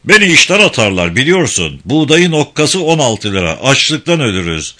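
This is a volatile male prison director, put on by a reader in a spoken story. He blusters and threatens in a bright, lively voice that swings up and down. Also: mid-range voice, moderate pace. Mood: pleading.

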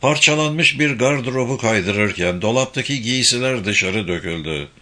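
Man reading an audiobook, bright clear voice, steady measured delivery. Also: medium pitch. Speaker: audiobook narrator. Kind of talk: scripted narration.

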